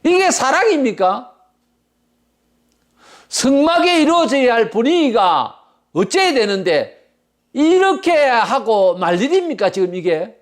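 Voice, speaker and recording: A man's voice: extremely high pitch, sing-song, unhurried, long pauses. A man preaching a sermon as pastor, blunt and emphatic, firing off rhetorical questions.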